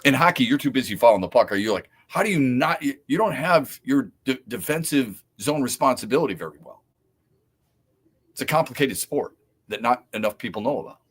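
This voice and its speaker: A man's voice: mid-range voice, animated, brisk, husky. A man with a Midwestern American accent hosting a sports talk radio show, arguing his points with emphatic rhetorical questions and frequent repeats. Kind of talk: opinionated sports talk monologue.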